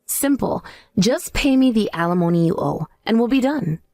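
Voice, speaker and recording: A woman's voice: medium pitch, lively intonation, normal speed, dark tone, no room sound, studio quality, natural voice. A woman playing a cool, scornful wife out for revenge in a dramatized story. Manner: taunting, cool. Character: scornful, vengeful pregnant ex-wife, coolly triumphant. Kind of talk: dramatized story dialogue and narration.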